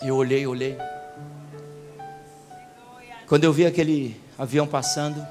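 A man preaching a sermon as a pastor, telling stories and swinging from soft talk to loud preaching. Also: mid-range voice, fairly even intonation, quick pace. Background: music.

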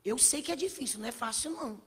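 A woman preaching a sermon with passion, swinging between shouts and hushed asides, in a church hall. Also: fairly high pitch, lively intonation, quick pace, breathy edge. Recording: long reverb of a large hall.

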